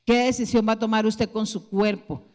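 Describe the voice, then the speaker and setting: A woman's voice: fairly high pitch, steady tone, normal speed, a little mellow. A woman pastor preaching a sermon, putting rhetorical question after question to her congregation. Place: church hall. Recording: long church hall reverb.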